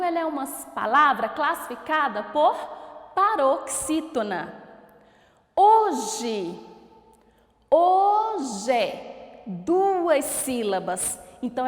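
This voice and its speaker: Slow, lively Brazilian woman teacher. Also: sits high. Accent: Brazilian Portuguese. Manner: slow, drawn-out syllable-by-syllable pronunciation, asks questions to pupils. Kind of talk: recorded school lesson for children. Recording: echoey room with long reverb.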